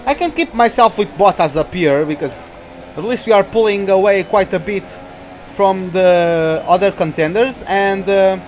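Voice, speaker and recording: Streaming a racing game, this young man from Portugal talks in a high voice at a moderate pace. He's chatty, calls out viewer names, and reacts as the race unfolds, with a bit of background noise.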